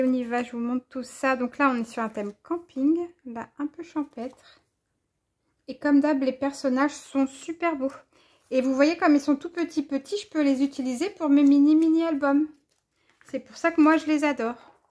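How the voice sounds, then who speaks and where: Bubbly high-voiced French woman crafter. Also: a little mellow. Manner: chatty, enthusiastic, gushes over each item. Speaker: crafting vlogger. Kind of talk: casual show-and-tell haul video.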